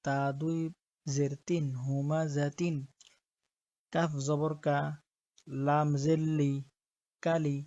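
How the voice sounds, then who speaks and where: A man teaching Quran reading, spelling out letters and syllables slowly and deliberately, one at a time. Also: fairly high pitch, flat delivery, warm tone, dry recording, muffled recording. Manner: slow, deliberate letter-by-letter drilling. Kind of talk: slow spelling-out lesson.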